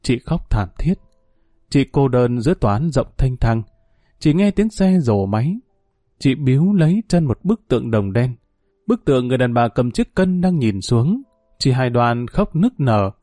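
A man reads a tragic story aloud in a grave, measured way. His voice is dark and mellow. The recording is close and dry. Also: medium pitch, big pitch swings, dry recording, soft background music. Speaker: narrator. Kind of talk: scripted story narration.

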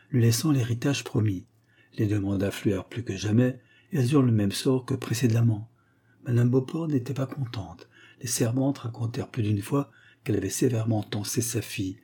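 A man calmly reading a short story aloud as narrator, in a measured way. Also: medium pitch, husky.

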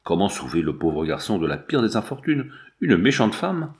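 A stern old general in a storybook reading, agitated and severe, his pitch swinging from low mutters to sharp rises, as a male narrator puts him on. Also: very animated, normal speed. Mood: troubled.

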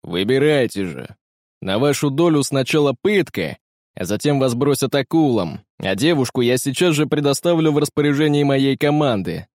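A man's voice: medium pitch, lively intonation, normal speed, a little mellow, dry recording, clean studio sound, lightly acted. A male narrator voicing a cruel pirate captain who barks orders and mocks his captives. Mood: menacing. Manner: barking orders, cold mockery.

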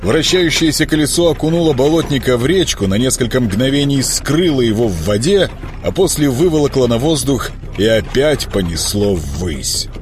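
Lively male audiobook narrator. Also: mid-range voice, normal speed, a little hiss or hum. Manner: lively storytelling, voicing characters.

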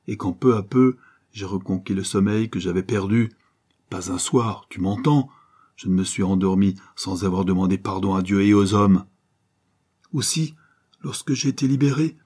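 A man's voice: lowish voice, warm tone, breathy edge. A man voicing a stern, wrathful older former convict who accuses in a thundering way, read as an audiobook. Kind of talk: audiobook reading.

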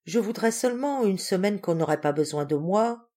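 A timid young country servant girl speaks quietly and submissively, voiced by a woman narrating a story. Her words come out in a low murmur. She sounds resigned. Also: expressive, moderate pace, natural voice. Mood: meek.

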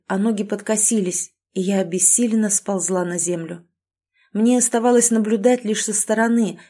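Warm-voiced woman narrating a dark story. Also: medium pitch. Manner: expressive, intense. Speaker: audiobook narrator. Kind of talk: dramatic first-person story reading.

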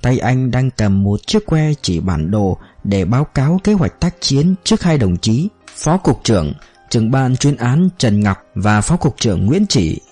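A male audiobook narrator telling a novel in a steady manner. His pitch moves expressively and his tone is mellow. Faint music runs underneath. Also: unhurried, slightly rough. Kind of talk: scripted narration.

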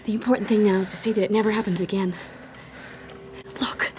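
An actress playing a brave, sharp-tongued young princess in a radio drama, quick and decisive. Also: female voice, medium pitch, steady tone, slight background noise, lightly acted. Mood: hushed.

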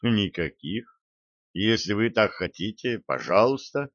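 Archer, male schemer, slow and low, quietly scheming, dull lo-fi audiobook read by a man. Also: sing-song, no echo, full character voice. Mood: calm scheming. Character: bitter male schemer Archer, calm and smiling.

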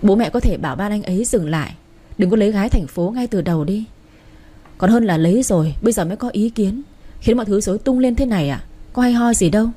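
A woman's voice: mid-range voice, animated, fast, dark tone, husky. A woman voicing a hurt young city-born wife who pleads politely with her in-laws. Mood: hurt pleading.

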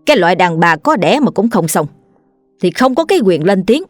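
A woman's voice: mid-range voice, animated, fairly quick, no echo, soft background music, lightly acted. Woman putting on a cruel mother-in-law. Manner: harsh, scornful, bossy.

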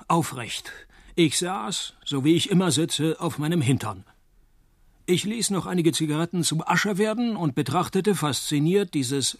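In a radio play, an actor voices a cynical, wisecracking male private detective, both narrating and talking in a dry, laconic deadpan. His voice is on the high side, and there's no echo.

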